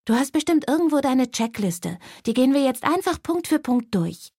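A woman's voice: sits high, big pitch swings, moderate pace, darkish tone, breathy edge, no echo, heavily acted. A teenage girl talking her mother down in a firm, reassuring way, voiced by a woman reading the audiobook. The voice is lifted a little above the reader's own. The recording is close and dry. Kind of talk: audiobook character voice.

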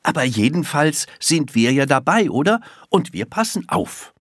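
A reader doing a young schoolboy in a children's story, patient yet exasperated, pleading with urgency. His voice sits a little higher than the narration and shifts a lot. The sound is dry and close. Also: big pitch swings, moderate pace, no echo. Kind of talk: storybook reading.

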